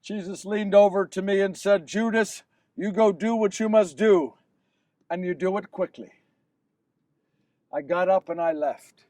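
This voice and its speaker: An actor playing a guilt-ridden, tormented Judas in an impassioned theatrical biblical monologue, with dramatic pauses. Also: male voice, very high-pitched, steady tone, dry recording. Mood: somber, haunted. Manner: impassioned, dramatic pauses, swings from hushed to shouting. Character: Judas, tormented, guilt-ridden betrayer, adult man, damned and remorseful.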